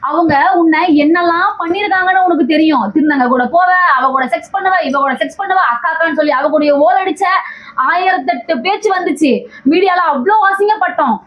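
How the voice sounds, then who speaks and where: A woman's voice: extremely high pitch, fairly quick. A woman vlogger in a heated confrontation, pleading and accusing, who keeps repeating the other person's name. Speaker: vlogger in a staged argument. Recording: dull lo-fi sound.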